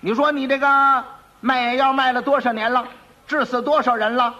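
A stern county magistrate barks out questions at the accused, as a male storyteller puts him on. He speaks with a Beijing accent, pitched high and loud. The tone is a bit husky. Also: expressive, brisk, dull audio, full character voice. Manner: barking interrogation.

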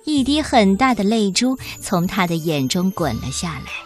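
A woman narrating a children's storybook in an expressive, sing-song way. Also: medium pitch, normal speed, faint music behind.

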